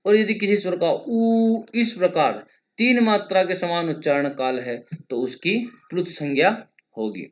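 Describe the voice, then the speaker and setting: Man teaching Sanskrit grammar, measured. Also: sits high. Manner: measured, explanatory, drawn-out vowels when demonstrating lengths; recites Sanskrit rules in a slow chant. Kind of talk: exam-prep grammar lesson.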